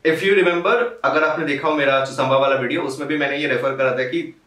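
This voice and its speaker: A man's voice: a little high, a little fast, pushed and bright, distant mic. Man explaining rap lyrics in a roomy echo. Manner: explanatory, mixes English into his talk, laughs now and then. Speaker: reaction video host. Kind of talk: casual rap breakdown commentary. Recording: roomy, off-mic home recording.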